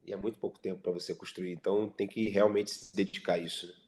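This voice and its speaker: Deep-voiced Brazilian man in his thirties. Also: quick pace. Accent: Brazilian Portuguese. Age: 30s. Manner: relaxed, reflective, repeats fillers. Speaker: futsal player guest. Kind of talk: casual podcast interview.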